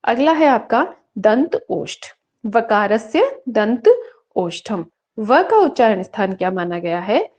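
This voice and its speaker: Fairly high-voiced woman teaching online. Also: sing-song, darkish tone. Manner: asks questions then answers them, recites rules slowly. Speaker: Sanskrit teacher. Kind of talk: online exam-prep lecture.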